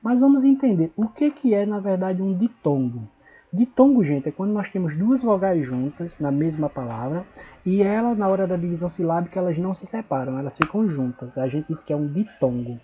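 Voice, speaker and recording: A man teaching a recorded lesson, patient and repetitive, slowly spelling out syllables and checking in with his pupils. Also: high-pitched, lively intonation, mellow, muffled recording.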